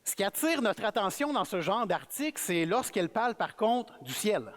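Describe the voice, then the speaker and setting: A man with a Québécois French accent, preaching as a guest speaker in a relaxed, friendly, conversational sermon. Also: sits high, normal speed. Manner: relaxed, friendly, self-effacing. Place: church sanctuary. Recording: reverberant church hall.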